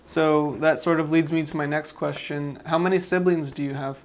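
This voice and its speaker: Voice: mid-range voice, flat delivery, moderate pace. Hesitant grandchild asking interview questions.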